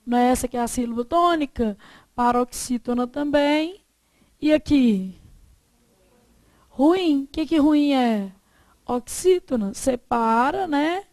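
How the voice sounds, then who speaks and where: Brazilian lady teacher going over exam questions, highish voice with some gravel, lively. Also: measured pace, dry recording. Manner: lively, asks the class questions and answers them herself. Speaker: Portuguese teacher. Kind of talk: classroom lesson on exam questions.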